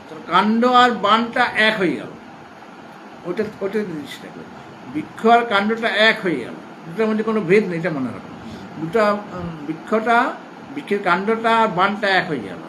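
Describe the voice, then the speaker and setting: A man teaching a scripture class at an ashram, explaining patiently, rephrasing and repeating points, and reciting verses slowly in a chanting cadence. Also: sits high, a bit bright, a little hiss or hum, low-quality recording. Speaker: spiritual teacher. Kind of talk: scripture lecture to students.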